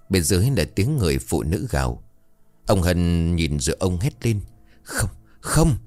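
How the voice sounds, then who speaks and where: A man's voice: deep voice, darkish tone, no echo. A man narrating a ghost story in a dramatic, suspenseful style.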